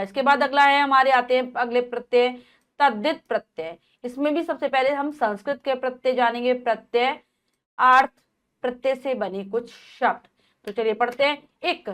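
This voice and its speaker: A woman teacher reading out a grammar lesson, going through word lists in a steady rhythm and stopping to explain. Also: a little high, clean tone. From India.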